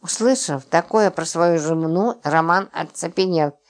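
A woman reading a comic novel aloud in expressive scripted narration. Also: on the low side, a little slow. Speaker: audiobook narrator.

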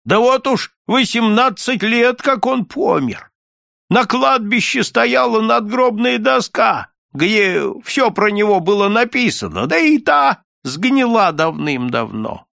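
A man voicing an elderly male villager with a thin, raspy voice, telling the news loudly and with emphasis. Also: sits high, expressive, slow pace, no room sound, clean studio sound, voice pushed up, full character voice. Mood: emphatic.

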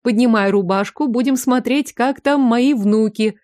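A woman doing a brisk, grumbling doctor mum. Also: a little high, darkish tone, no echo, clean studio sound, natural voice. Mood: bustling. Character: brisk, teasing middle-aged woman doctor.

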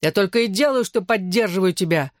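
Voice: mid-range voice, animated, moderate pace, no echo, clean studio sound, lightly acted. A narrator voicing a cheeky, meddling teenage boy in an audiobook, teasing and theatrical. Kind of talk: audiobook character voice.

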